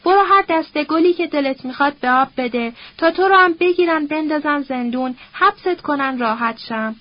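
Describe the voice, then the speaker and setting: A woman's voice: high-pitched, natural voice. A woman reading a sulky young woman. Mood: sulky scornful. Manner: needling, scornful. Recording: dull lo-fi recording.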